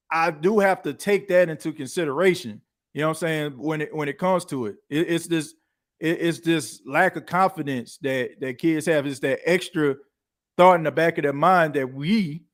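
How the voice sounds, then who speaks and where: A man in his thirties hosting a podcast, chatting casually and rambling, with frequent restarts and the filler "you know what I'm saying". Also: on the high side. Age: 30s. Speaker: podcast host. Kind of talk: casual chat.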